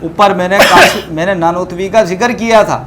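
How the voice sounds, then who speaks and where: A man's voice: sits high, a bit bright, slight background noise. A man giving a combative religious debate commentary over scanned book pages, repeating fillers as he argues.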